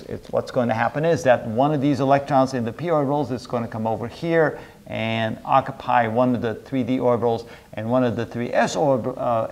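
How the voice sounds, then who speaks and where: Standing at a whiteboard in an indoor room, a middle-aged man delivers a chemistry chalk-talk, going step by step and restating his phrases often, in a mid-range voice with a darkish tone.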